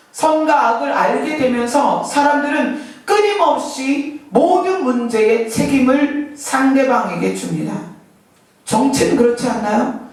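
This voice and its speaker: Middle-aged woman preacher, animated sermon full of questions, recorded from a distance in a very echoey church. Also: fairly high pitch. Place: church sanctuary. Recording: echoey hall, mic from far off.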